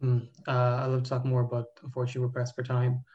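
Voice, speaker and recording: A man interviews casually and with few words. His voice is dark and soft-edged, with almost no pitch movement. The recording is somewhat dull and lo-fi. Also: monotone, fast, a little hiss or hum.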